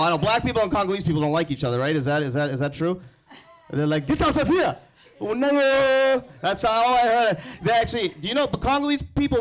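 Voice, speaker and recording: Stand-up comic, young man from India, brash crowd-work energy, a touch high-pitched. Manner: brash, teasing, quick crowd banter. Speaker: stand-up comedian. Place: comedy club stage. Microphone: handheld microphone.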